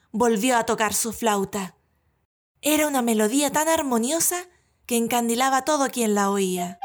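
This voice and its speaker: A woman narrating a fairy tale in an expressive, lilting storybook style over soft background music. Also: a little high.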